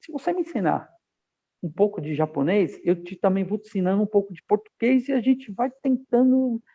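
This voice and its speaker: Male guest from Brazil, gravelly and husky, high-ish voice, animated storyteller, tinny phone-like line. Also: a little fast. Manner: animated storyteller, acts out quoted dialogue. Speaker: podcast guest, aviation professional. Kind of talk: casual interview storytelling.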